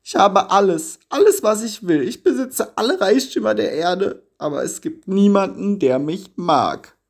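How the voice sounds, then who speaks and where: A man's voice: high voice, very animated, moderate pace, darkish tone, pitched above the performer's own voice. A man voicing a rich, greedy, lonely miser who snarls and hisses. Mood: despairing. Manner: snarling and hissing.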